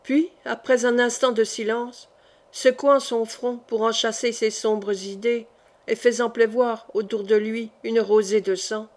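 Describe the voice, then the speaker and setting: A woman narrating a classic novel in a steady, measured audiobook reading. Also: on the high side. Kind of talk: scripted narration.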